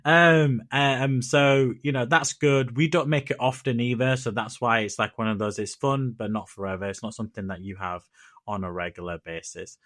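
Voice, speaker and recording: A man's voice: medium pitch, steady tone, moderate pace, a bit bright, no echo, studio quality. A man chatting casually as a podcast co-host, rambling with restarts and fillers.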